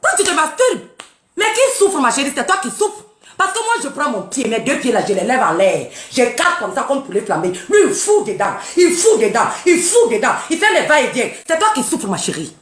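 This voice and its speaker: A woman's voice: sits high, sing-song, a little fast, fairly bright tone. A woman ranting on a live stream, mocking and taunting with frequent laughter and boasting. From Burkina Faso. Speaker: live social media streamer. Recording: roomy echo.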